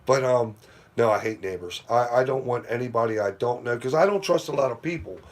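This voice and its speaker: A middle-aged man with a medium-pitched voice and a brisk pace hosts a casual late-night livestream from home near his porch. He tells rambling, profane stories packed with "you know."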